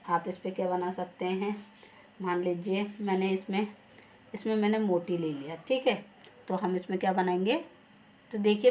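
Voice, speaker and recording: A woman's voice: medium pitch, darkish tone. A young woman teacher patiently explaining a first-grade lesson step by step. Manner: patient, step-by-step, repeats "ठीक है".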